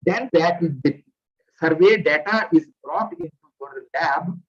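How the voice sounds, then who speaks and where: A man's voice: a little high, unhurried, husky. A man giving a visiting lecture online through a headset, explaining at a careful pace with restarts. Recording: muffled lo-fi video call audio.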